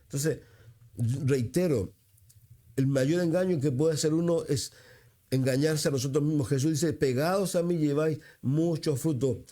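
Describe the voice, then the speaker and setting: High-voiced Chilean pastor preaching. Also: male voice, normal speed, warm tone. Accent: Chilean Spanish. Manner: repeats himself for emphasis, asks the congregation questions; rises in pitch when quoting scripture. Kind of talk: sermon.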